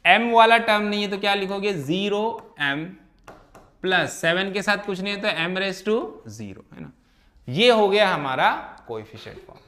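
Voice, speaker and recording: High, bright-voiced male math teacher. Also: expressive, moderate pace. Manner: keeps asking checking questions. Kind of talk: classroom lesson explanation.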